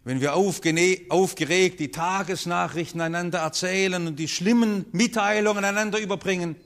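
A man preaching a sermon, earnest, his voice rising and falling strongly as he speaks. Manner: earnest, with strong rises and falls in pitch and loudness.

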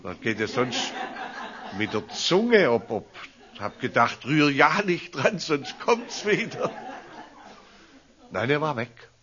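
A man, a pastor preaching a storytelling sermon in a slow, deliberate way. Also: mid-range voice, a crowd in the background. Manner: slow, deliberate, animated rises and drops. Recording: dull lo-fi recording.

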